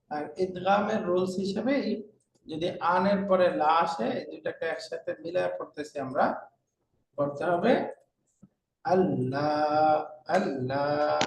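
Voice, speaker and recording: High-pitched man w/ bangladeshi bengali accent lecturing a class, says terms slow and over again, echoey room, sits far from the mic, faint hiss. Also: vocal fry. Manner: repeats terms slowly, asks rhetorical questions. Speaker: Arabic teacher.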